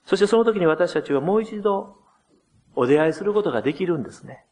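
A man preaching a sermon as pastor, gently explaining and addressing the congregation, dramatizing quoted words with changes in voice. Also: animated, fast talker. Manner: dramatizes quoted words with shifts of pitch and loudness.

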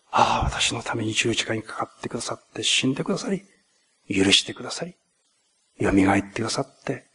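Husky earnest male pastor preaching. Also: medium pitch, fairly bright tone. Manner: earnest preaching with emphatic rises and pauses. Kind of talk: sermon.

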